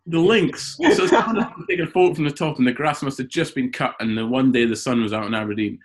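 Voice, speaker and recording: A man who is a cricketer guest on a podcast, telling animated stories in casual chat and often repeating words as he gets going. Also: mid-range voice, fast. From Scotland.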